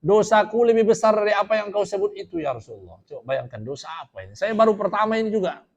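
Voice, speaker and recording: A man's voice: high-pitched, fast talker, muffled recording. A male preacher giving a storytelling sermon to a study gathering, quoting Arabic and then explaining it in plain talk, often asking his listeners questions. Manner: asks the audience rhetorical questions.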